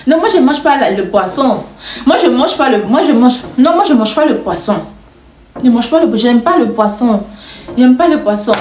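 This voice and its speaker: A woman acts out a picky male customer who grumbles and insists, over and over, that he won't touch fish. He speaks with a put-on Congolese French accent, lifting his pitch and swinging it up and down. The room around him rings with echo. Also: animated, moderate pace, darkish tone, a little hiss or hum, natural voice. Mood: fussy. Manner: complaining, insistent, repeats himself.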